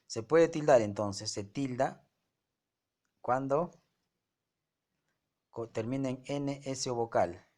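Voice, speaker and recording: A man's voice: mid-range voice, slow, long pauses, a little mellow. A male teacher explaining a grammar lesson to his students, often checking their understanding with rhetorical questions. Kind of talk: online class lesson.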